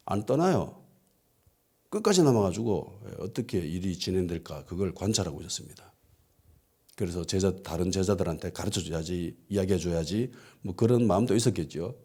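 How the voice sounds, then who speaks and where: Gyeongsang-accented male pastor, storytelling sermon, warm mellow tone, animated delivery. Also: lowish voice, breathy edge. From Gyeongsang region, South Korea. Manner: storytelling with quoted voices and frequent affirming "예". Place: church.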